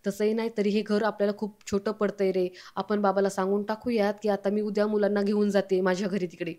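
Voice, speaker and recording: A woman reading the lines of a sharp-tongued young woman, delivered in a mellow, flat narrating voice. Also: mid-range voice, brisk, natural voice. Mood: persuading.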